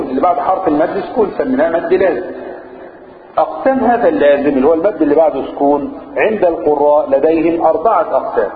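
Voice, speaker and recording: Egyptian-accented male tajweed teacher, slightly high voice, slow chanting and quick questions, tinny recording. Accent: Egyptian Arabic. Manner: chants the verses slowly between brisk explanations, quizzes the listeners. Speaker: Quran recitation teacher. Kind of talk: explaining tajweed rules in a lesson. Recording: echoey room over a tinny phone-like line.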